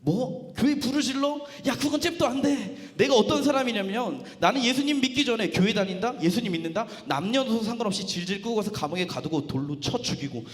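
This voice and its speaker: A pastor acting out a brash, boastful apostle Paul. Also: male voice, very high-pitched, animated, brisk, hardly any pauses, big-room sound, pitched above the performer's own voice. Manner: brash, loud, blunt, talks down to listeners. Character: boastful zealous apostle Paul, a grown man. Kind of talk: acted quote in a youth sermon.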